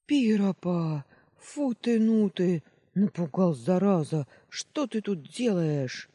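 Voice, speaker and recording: A man's voice: mid-range voice, very animated, measured pace, a little mellow, breathy edge. A man voicing an irritable, bossy young male sentry who barks military orders, in an audiobook reading. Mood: shouting orders.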